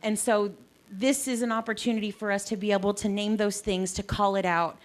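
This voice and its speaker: A woman's voice: mid-range voice, fairly even intonation, a little fast. A young adult woman from South Texas, a pastor giving a chatty, self-deprecating talk to a live audience with frequent ums. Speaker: pastor and faith organizer.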